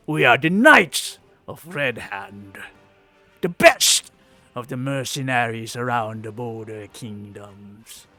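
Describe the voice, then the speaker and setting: A man voicing a sly, boastful hobgoblin mercenary in a tabletop game, gravelly, with haughty, mocking, drawn-out taunts. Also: medium pitch, pushed and bright, exaggerated voice.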